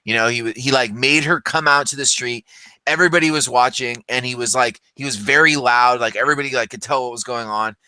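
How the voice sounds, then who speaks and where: Bright-voiced man rambling in a chat. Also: medium pitch, quick pace, clear, resonant tone, no room sound. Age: 30s. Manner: rambling, many fillers and restarts. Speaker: podcast co-host. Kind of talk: casual chat.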